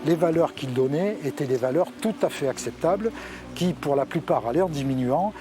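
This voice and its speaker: A man, a fire service officer, recounts his testimony in halting phrases, often repeating words as he searches for the next one. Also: fairly high pitch, animated, over music.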